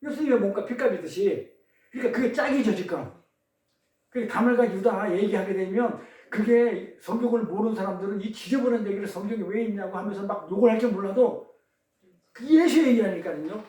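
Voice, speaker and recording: A pastor preaching a sermon in a church service, questioning the congregation and trading answers, with pun riddles along the way. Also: male voice, sits high, a little fast, warm tone. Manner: questions the congregation, call-and-response. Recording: echoey room, distant mic.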